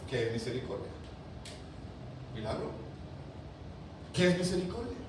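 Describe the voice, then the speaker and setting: A man preaching a sermon to his congregation, fervent, with loud emphatic peaks, quiet drops and many rhetorical questions. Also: mid-range voice, sing-song, a little slow. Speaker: pastor. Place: large church sanctuary. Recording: very echoey church, voice from a distance, faint room hiss.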